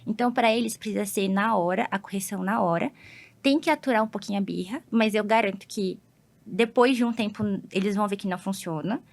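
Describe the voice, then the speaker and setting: A woman's voice: mid-range voice, brisk, gravelly. A woman psychologist with a Brazilian accent, patiently explaining things with everyday examples as a podcast guest.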